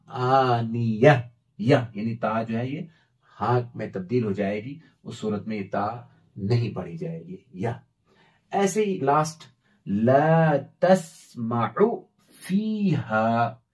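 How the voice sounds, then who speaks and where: Male recitation teacher, unhurried and patient, mid-pitched voice, breaks words into letters and asks himself questions. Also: a little mellow. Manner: patient, spells out letters then recites words slowly and drawn out; asks and answers his own questions. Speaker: Quran reading teacher. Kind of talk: step-by-step recitation lesson.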